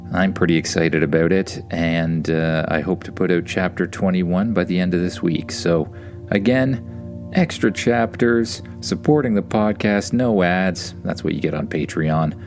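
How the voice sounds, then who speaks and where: A man's voice: sits low, a little mellow. A man who hosts a story podcast, introducing and narrating for young listeners.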